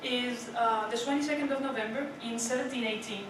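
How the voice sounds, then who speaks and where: Pitched on the high side, fairly even in intonation and a little fast, a young woman from the Netherlands addresses her club with a prepared speech. She chats, asks the room questions, and regularly adds "right?". Distant, echoey, noisy meeting-room recording.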